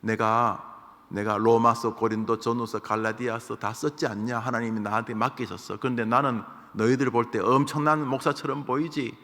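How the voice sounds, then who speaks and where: An earnest apostle, as a preacher acts him out, making a heartfelt confession in a gravelly male voice. Long hall reverb trails each phrase. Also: medium pitch, fairly bright tone.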